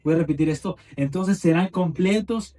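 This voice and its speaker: A young man preaches with fervor, building his phrases through repetition. His voice sits fairly high but has a dark, mellow tone. He is heard from a distance, picked up by a mic in a church. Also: moderate pace. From Ecuador. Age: 20s. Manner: fervent, repetitive phrasing with rising emphasis. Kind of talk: sermon.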